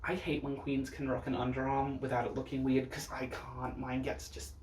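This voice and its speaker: A drag performer reviewing looks delivers sassy, campy, blunt reactions in a casual way, though his medium-pitched voice is monotone, a little mellow and at normal speed. The distant microphone adds roomy echo and a little hiss or hum.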